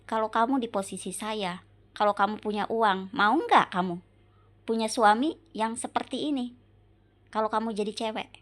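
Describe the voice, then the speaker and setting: A woman in an emotional monologue to her husband, slow and repetitive, pleading with rhetorical questions. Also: a little high. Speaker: wife venting on camera.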